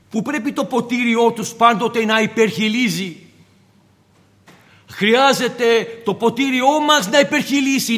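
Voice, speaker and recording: A man with a high voice preaches a fervent sermon. He acts out the scripture dialogue with swings in loudness. His voice rings with long reverb as in a large hall.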